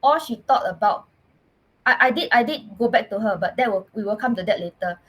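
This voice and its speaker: A woman with a Singaporean English accent telling her own story as a podcast guest, earnest and halting, often restarting her words. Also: a little high, expressive, a bit bright, husky, low-quality recording. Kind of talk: personal storytelling in casual chat.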